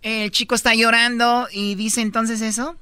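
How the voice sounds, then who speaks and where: A woman co-hosting a radio sports comedy show, chatting casually, reacting quickly and reading news aloud in a studio. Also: fairly high pitch, flat delivery, bright, forceful tone, clear, resonant tone, no echo. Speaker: co-host.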